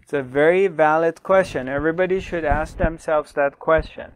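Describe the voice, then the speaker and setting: A middle-aged man, a spiritual teacher, speaking slowly to the camera with long pauses and repeated questions, on a lapel mic in a small studio. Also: fairly high pitch, smooth. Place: small dark studio, indoors.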